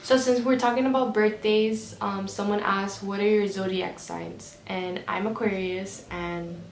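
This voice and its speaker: A woman's voice: medium pitch, steady tone, unhurried. A woman of twenty from Miami, chatting casually with viewers as a vlogger, filling her talk with "like". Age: 20s. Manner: chatty, uses "like" a lot. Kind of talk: casual chat to camera. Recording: echoey room with background noise.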